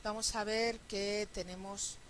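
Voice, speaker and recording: A woman teaching a phonetics lesson, explaining step by step and often checking understanding with a quick question. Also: medium pitch, steady tone, slight background noise, rough recording. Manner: counts syllables aloud slowly. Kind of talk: recorded classroom lecture.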